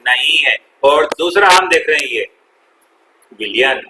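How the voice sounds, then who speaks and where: A man's voice: fairly high pitch, lively intonation, a little slow, bright, forceful tone, echoey room, slight background noise, poor audio. A male chemistry teacher, lecturing a classroom and quizzing the students, repeating their answers and calling them "beta". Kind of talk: classroom lecture with call-and-response.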